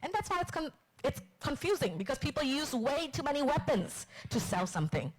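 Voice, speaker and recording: A woman from Vietnam giving a live marketing class, chatty and lively, asking the room questions. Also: sits high, a little fast, low-quality recording. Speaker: marketing instructor. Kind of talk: live class lecture to an audience. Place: lecture room with audience.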